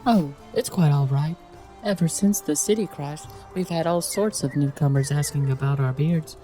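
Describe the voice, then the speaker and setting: A woman's voice: low voice, moderate pace, warm tone, faint music behind, close to an everyday voice. A woman playing a polite, patient dwarf villager in a game-world nature documentary parody. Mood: polite, calm.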